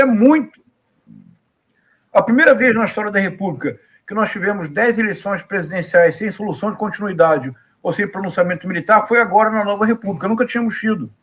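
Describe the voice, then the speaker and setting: Speaking in a high-pitched voice, a middle-aged man with a Rio de Janeiro Brazilian Portuguese accent offers live political commentary. He is emphatic and teacherly, repeating points and posing rhetorical questions.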